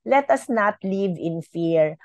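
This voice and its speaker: Animated woman telling a faith story. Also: mid-range voice, slow pace, no echo. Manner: animated storytelling, Taglish code-switching. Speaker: radio guest.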